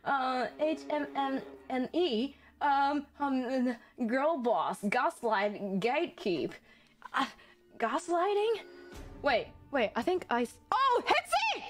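An excitable, gushing woman chatting casually as the host of a livestream. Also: high-pitched, slow, faint music behind.

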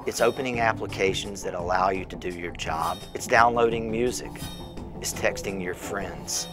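Deep-voiced middle-aged man explaining. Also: normal speed, over music. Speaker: company spokesman. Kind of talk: interview.

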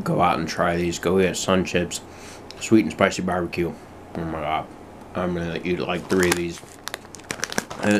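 Casting: male, 20s, low-pitched, informal food reviewer, relaxed slangy delivery, home camera with clear background noise. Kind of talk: casual video review, chatting to viewers. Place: small home room indoors. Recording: noisy room, bag crinkling.

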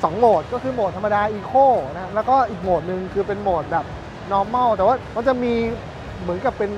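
A man in his thirties presenting bikes at a busy indoor motor show in a lively, chatty way, speaking into a lapel mic. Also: sits high, a little fast, lo-fi sound, noisy background. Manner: lively, chatty, points things out. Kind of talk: casual walkaround presentation. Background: music.

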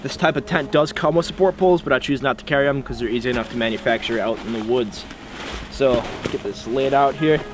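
A man's voice: mid-range voice, quick pace, background noise. A young man in his twenties hosting a casual bushcraft tutorial outdoors in snowy woods, explaining with frequent ums. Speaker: bushcraft channel host.

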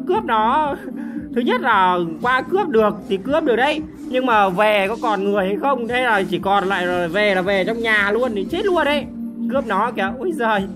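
Hoarse, excitable woman commentating a game. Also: medium pitch. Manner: excitable, loud exclamations and repeated cries. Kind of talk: casual mobile game commentary. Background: music.

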